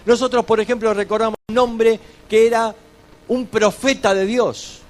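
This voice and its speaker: Guy preaching, pretty high voice, stresses stuff slow, goes soft on bible quotes. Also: fairly even intonation. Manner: emphatic, slows on key phrases, drops quiet for scripture. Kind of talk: sermon.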